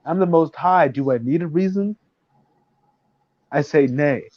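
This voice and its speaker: A man chatting casually and telling stories in an animated way, full of swearing. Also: a little high, unhurried. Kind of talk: casual chat. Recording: dull lo-fi sound.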